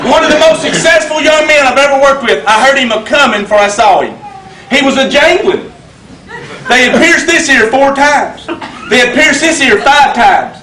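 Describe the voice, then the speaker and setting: A man's voice: extremely high pitch, expressive, normal speed, a crowd in the background. Folksy man telling jokes on stage. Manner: folksy, drawling storyteller with punchlines. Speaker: motivational speaker. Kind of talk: comic stage talk to a live audience. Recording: roomy hall, distant mic, loud noise.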